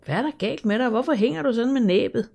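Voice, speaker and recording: An audiobook narrator voicing a bold, streetwise girl in her early teens who talks lively and unashamed. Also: medium pitch, gravelly, voice pushed up. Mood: prying. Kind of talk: audiobook character voice.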